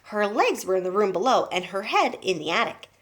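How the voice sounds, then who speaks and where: Animated woman reading aloud to a class. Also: mid-range voice, fairly quick. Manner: animated, pointing out the pictures. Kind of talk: reading a children's book aloud.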